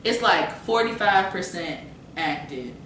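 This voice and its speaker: A woman's voice: sits high, lively intonation, normal speed, background noise. A woman in a casual debate among co-hosts, chatty and argumentative. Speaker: co-host. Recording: echoey room, far from the mic.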